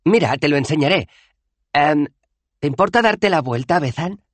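A man voicing a timid, eager male tourist in an audiobook, talking in an animated, excited way. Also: a little high, normal speed, no echo, pitched above the performer's own voice. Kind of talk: audiobook character voice.

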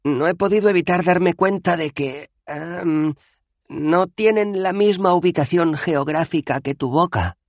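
A man voicing a timid, eager male tourist in an audiobook, talking in an animated, excited way. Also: on the high side, measured pace, no room sound, voice pushed up. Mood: cautious. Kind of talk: audiobook character voice.

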